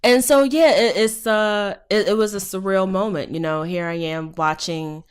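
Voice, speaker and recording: A woman's voice: medium pitch, steady tone, moderate pace, clean tone. A woman in her thirties, a professor guest on a podcast, telling a personal story frankly and emphatically, with profanity and pointed rhetorical questions.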